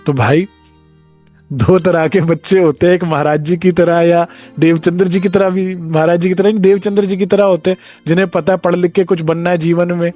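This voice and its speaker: A man's voice: sits high, fairly even intonation, a little fast, warm tone, soft background music. Man giving a conversational devotional discourse. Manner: conversational, acts out short dialogues. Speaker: spiritual teacher.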